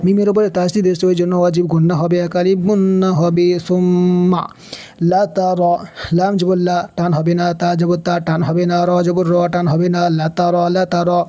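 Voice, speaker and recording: A man teaching Quran reading in a Bangladeshi Bengali accent, spelling out letters and vowel marks slowly and then chanting the verses. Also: high voice, completely flat delivery, dark tone. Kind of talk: Quran recitation lesson.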